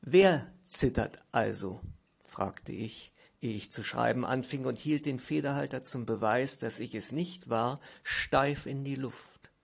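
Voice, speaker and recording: Gravelly, husky male storyteller. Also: mid-range voice, steady tone, normal speed, hardly any pauses, a bit bright. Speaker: audiobook narrator. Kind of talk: literary first-person reading.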